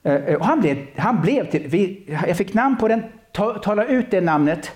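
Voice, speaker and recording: A man preaching a sermon, telling stories with many restarts and repeated words. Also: high-pitched. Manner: animated storytelling with many restarts. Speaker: pastor.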